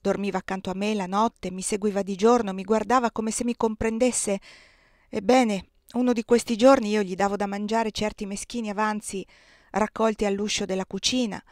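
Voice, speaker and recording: Woman reading a bitter defiant young husband, low and grim, storybook audiobook, dry sound. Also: steady tone, normal speed, darkish tone, no echo, natural voice. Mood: bitter, indignant.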